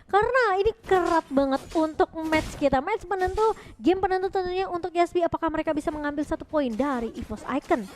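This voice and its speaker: A woman with an Indonesian accent giving animated live esports commentary and analysis, with quick reactive interjections. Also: very high-pitched, noisy background.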